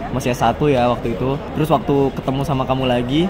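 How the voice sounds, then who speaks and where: Young male vlogger, Indonesian accent, mid-pitched, colloquial casual chat at a brisk clip in a noisy public spot. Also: fairly even intonation. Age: young adult. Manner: colloquial, agreeable, peppered with slang particles. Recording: busy outdoor crowd and traffic.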